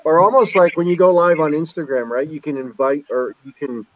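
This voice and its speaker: A man's voice: fairly high pitch, steady tone, a little fast. A man in his fifties hosting a casual group video chat, joking and teasing the others. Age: 50s. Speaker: stream host. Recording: dull lo-fi sound.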